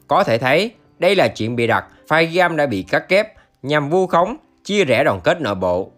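A man narrates a news report from a script. His voice sits fairly high for a man and moves with animated intonation. The delivery is formal, in the manner of a channel news reader.

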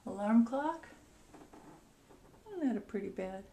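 A woman walks through a rental property giving a relaxed tour, describing each room in short bursts as she goes. Her voice is on the high side and dark in tone, animated but unhurried. The noisy recording was made with a handheld camera's built-in microphone.

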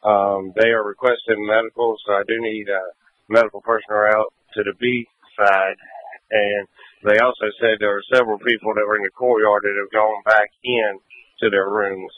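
A man's voice: fairly low pitch, level tone, normal speed, no echo. A male fire captain giving a matter-of-fact situation report over a two-way radio. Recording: narrowband tinny radio.

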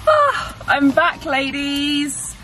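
A woman's voice: high voice, big pitch swings, drawn-out words, noisy background. A chatty young woman from England, vlogging casually to a camera on the dashboard of her parked car. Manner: chatty, bubbly and self-mocking. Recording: music playing in the background.

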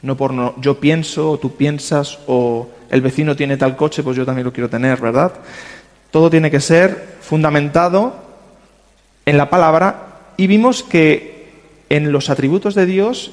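A man's voice: fairly high pitch, unhurried, darkish tone. A man teaching a church class on money, conversational and often checking in with the audience with short tag questions. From Spain. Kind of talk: church lesson on finances. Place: church hall. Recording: long hall reverb.

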